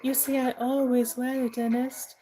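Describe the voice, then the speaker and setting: A woman's voice: high-pitched, level tone, normal speed, warm tone, close to an everyday voice. A woman playing a self-assured, whimsical young lady in a comic stage play, prim, chiding and matter-of-fact.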